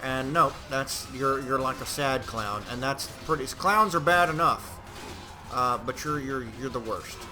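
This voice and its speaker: A man giving casual, profane, rambling commentary while he plays a game, now and then bursting into shouts. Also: mid-range voice, measured pace. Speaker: gameplay commentator. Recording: loud game music behind the voice.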